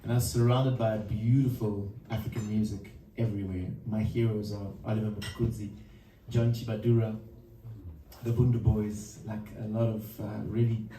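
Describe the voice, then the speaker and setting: A man from Zimbabwe, introducing a song at a live music session in a halting, thoughtful way full of pauses and fillers. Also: fairly low pitch, flat delivery, dark tone. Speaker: singer-songwriter introducing a song. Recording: roomy, distant mic with faint background noise.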